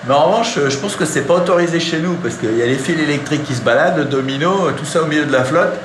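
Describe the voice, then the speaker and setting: A man's voice: a little high, fast, noisy background. A man hosting a travel show, narrating in a casual, chatty way and often laughing.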